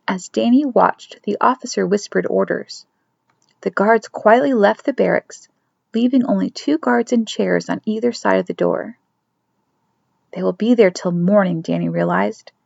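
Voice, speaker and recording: A woman narrating a chapter of a novel in a steady storytelling manner, dropping to soft whispers for a character's thoughts. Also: mid-range voice, unhurried, vocal fry, dry recording. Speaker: audiobook reader. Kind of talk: scripted narration. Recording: dry, dull lo-fi recording.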